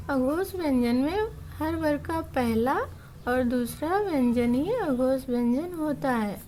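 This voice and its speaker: A woman's voice: high-pitched, darkish tone. A woman teaching a grammar lesson, explaining patiently and repeating each point step by step.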